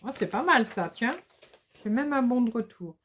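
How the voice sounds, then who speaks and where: A woman's voice: a little high, expressive, normal speed, a bit bright, husky. A middle-aged woman chatting casually to her viewers about embroidery magazines, hesitant and full of fillers. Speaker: embroidery vlogger. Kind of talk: casual chat to camera.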